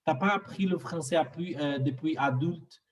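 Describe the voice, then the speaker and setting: A man with a Latin accent who learned the language as an adult, talking in a halting, casual way with many fillers. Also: on the high side. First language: Spanish or another Latin language. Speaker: student and conversation partner. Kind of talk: casual conversation. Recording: voice a bit far from the mic.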